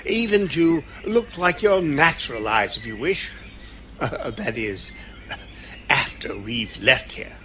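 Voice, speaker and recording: An actor in an audio drama playing an eccentric, kindly, cheerful old time-travelling doctor who dithers through ums and broken phrases. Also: male voice, mid-range voice, lively intonation, slow, sharp tone, a little hiss or hum. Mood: fussy, gentle.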